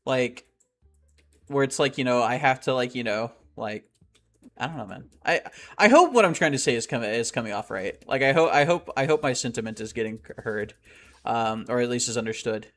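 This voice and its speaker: A young man streaming a game and chatting casually with his live chat, rambling and excitable and often laughing. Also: mid-range voice, normal speed.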